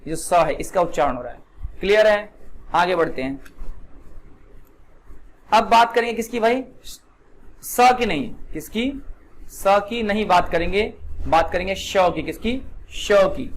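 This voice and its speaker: A man's voice: sits high, lively intonation, a little slow, long pauses. A man teaching a spoken English class, keeps asking his students questions and repeating the answers back. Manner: repetitive call-and-response questioning. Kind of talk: classroom lesson.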